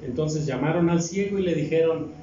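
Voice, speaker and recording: A Mexican deacon delivers a sermon, his voice mellow and set a little high. He keeps asking the congregation questions as he reads scripture. The sound is dull and distant, swallowed by the heavy echo of a church hall. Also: brisk, slight background noise. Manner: asks the congregation rhetorical questions. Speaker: deacon preaching. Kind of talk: sermon with Bible reading.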